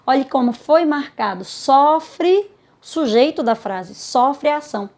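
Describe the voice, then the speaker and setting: A woman's voice: high voice, animated, takes it slowly, darkish tone. A woman teacher with a Brazilian Portuguese accent giving a grammar lesson. She asks questions, voices imagined students and answers them herself.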